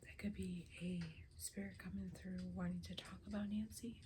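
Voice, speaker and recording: An older woman running a spirit box session for her vlog, speaking in a hushed, often whispered, earnest and emotional way, pleading for signs. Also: mid-range voice, little pitch movement, normal speed, background noise.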